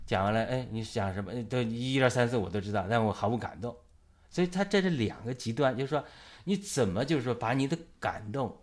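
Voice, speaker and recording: A man hosting a casual church discussion, talking in long rambling stretches full of fillers and restarts. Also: mid-range voice. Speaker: host of a church talk show.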